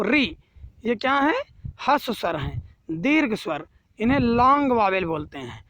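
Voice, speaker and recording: A man's voice: very high voice, a bit bright, a little hiss or hum. A man teaching a grammar lesson to children, repeating each rule and then asking and answering his own questions. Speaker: Hindi teacher.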